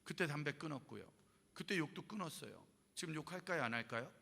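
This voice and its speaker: A man's voice: fairly high pitch, animated, fast talker, creaky, very noisy. A man in his forties preaching a youth revival sermon as a pastor, telling stories with humor and acting out the voices he quotes. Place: church hall at a youth event. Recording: reverberant church hall.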